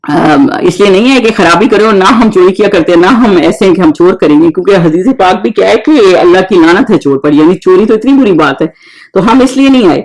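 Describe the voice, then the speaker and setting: Man, fairly high voice, gravelly, Quran lesson, slow verse reading, relaxed explaining, frequent pauses. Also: poor audio. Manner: reads Arabic verses slowly, then explains informally with many pauses. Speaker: Quran teacher.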